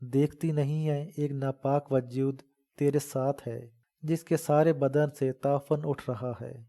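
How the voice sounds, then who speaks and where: A man's voice: medium pitch, fairly even intonation, natural voice. Man playing harsh shrine guards. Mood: harsh threats. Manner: shouting, contemptuous.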